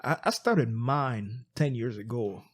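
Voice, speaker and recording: A man from Congo who co-hosts a podcast tells his story in casual chat, speaking slowly at medium pitch. English isn't his first language, and he is earnest and reflective, restarting often.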